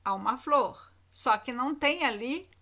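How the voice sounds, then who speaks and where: A woman's voice: high-pitched, expressive, unhurried, pushed and bright. Brazilian woman teacher, emphatic and didactic. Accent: Brazilian Portuguese. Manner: didactic, repeats key words with emphatic intonation. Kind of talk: recorded video lesson for children.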